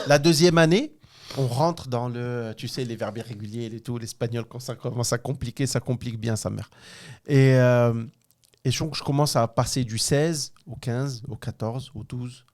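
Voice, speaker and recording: A man in his thirties from Morocco, telling a school story in casual chat, animated and frank, laughing often and using slang. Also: mid-range voice, a little slow. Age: 30s. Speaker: podcast co-host.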